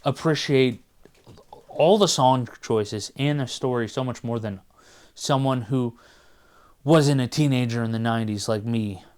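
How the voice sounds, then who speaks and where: Chatting casually as a podcast co-host, this man in his forties speaks at a measured pace in a mid-range, slightly mellow voice. He is enthusiastic and rambling, now and then losing track of what he was saying.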